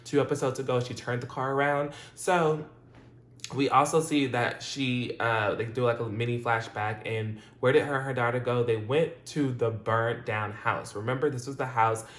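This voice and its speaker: Hosting his own channel, this man chats through a TV episode review in a casual, meandering way, peppered with fillers, false starts and laughs. His voice is medium in pitch and fairly bright, with fairly even intonation at a normal speed, and the room adds noticeable echo.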